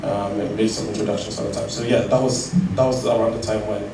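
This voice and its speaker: In a conversational interview, a tech founder appearing as a guest tells his story hesitantly, with frequent pauses, fillers and restarted sentences. His voice sits on the low side and his delivery is flat. He's recorded from some distance in an echoey room with noticeable background noise.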